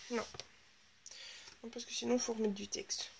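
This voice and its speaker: A woman's voice: fairly high pitch, level tone, measured pace, gravelly, a little hiss or hum. A woman hosting a casual scrapbooking video, chatting and thinking aloud as she works, sometimes dropping into half-whispers. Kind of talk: casual crafting tutorial chat.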